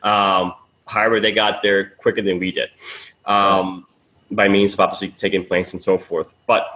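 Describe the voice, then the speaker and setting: A man from Peru, somewhere in his thirties, with a fairly low voice. He talks freely and casually as a podcast guest. He drops in "man" and "dude" and restarts his sentences often. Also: flat delivery, normal speed, sharp tone, rough recording. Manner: talkative, loose and friendly, says "man" and "dude", many fillers and restarts. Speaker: guest, sales funnel coach.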